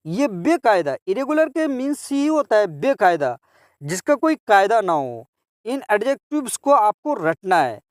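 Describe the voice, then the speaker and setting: Man, English teacher, grammar lesson, slow deliberate drilling, repeats each word form, very animated intonation. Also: high voice, no room sound, studio quality. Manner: explains and translates for children.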